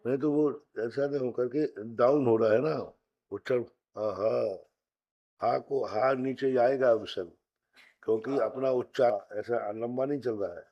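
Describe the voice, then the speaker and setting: A man teaching a Sanskrit grammar class, explaining step by step, slowly chanting rules and putting questions to his students. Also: medium pitch, dull audio.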